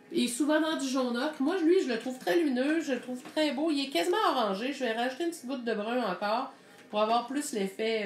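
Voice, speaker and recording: Québécois lady teaching painting live, chatty, talks through her color mixing, kinda high voice, echoey room. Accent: Québécois French. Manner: thinks aloud while mixing paint, chatty and explanatory. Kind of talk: live online painting lesson.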